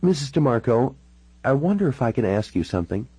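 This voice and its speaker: A man's voice: mid-range voice, sing-song, a little fast, dark tone, breathy edge, dry recording, voice pushed up. A man voicing a polite, direct young woman in an audiobook. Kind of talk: audiobook character voice.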